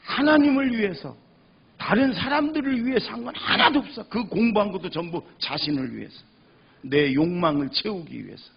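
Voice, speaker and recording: Male pastor, fervent sermon; raspy, slightly high voice that repeats lines for weight, muffled recording. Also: expressive, moderate pace. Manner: impassioned, swings between loud cries and hushed speech; emphatic repetition of phrases.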